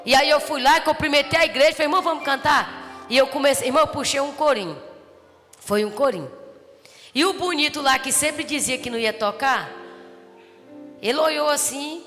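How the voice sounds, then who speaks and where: A woman pastor with a Brazilian accent preaches in a high, bright, ringing voice, telling her story with lively energy that swells into fervent shouts. Her sermon carries through a reverberant church hall with soft music underneath. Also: fairly quick. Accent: Brazilian Portuguese. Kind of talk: testimony sermon. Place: church service.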